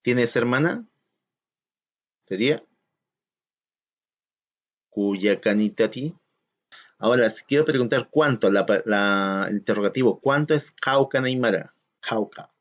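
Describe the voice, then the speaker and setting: A man's voice: mid-range voice, measured pace, long pauses. A man teaching a recorded lesson to children, patiently counting aloud and posing questions to the class. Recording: slightly dull lo-fi audio.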